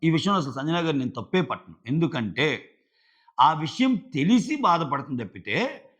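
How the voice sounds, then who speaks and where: A man talks through a reality show episode in a casual review. His fairly high voice swings widely in pitch as he acts out what the contestants said. The recording sounds dull and lo-fi. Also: normal speed. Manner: animated, acts out contestants' lines in quotes.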